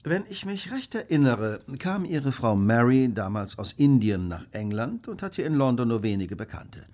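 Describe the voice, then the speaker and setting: A man acts the part of a smug, brilliant Victorian detective in a German radio play, speaking at normal speed in a medium-pitched, slightly mellow, natural voice. He is very animated, analytical and assured, lecturing with precision and self-assurance.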